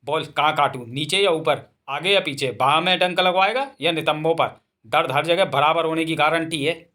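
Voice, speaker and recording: A man's voice: a little high, moderate pace, bright, forceful tone. A man doing a taunting snake. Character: mocking menacing male snake.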